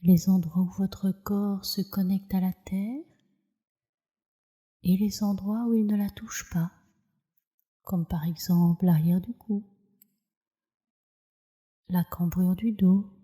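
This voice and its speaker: In this clip a woman teaching yoga nidra guides a relaxation meditation in a mid-range voice with fairly level intonation. She keeps things soft, soothing, and measured, letting her phrase endings turn breathy.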